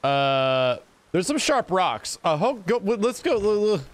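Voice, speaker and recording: A man in casual, playful gaming chat, excitable and given to repeating his phrases. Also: sits high, unhurried, a little hiss or hum. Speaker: streamer playing in a group. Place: home room, group video call.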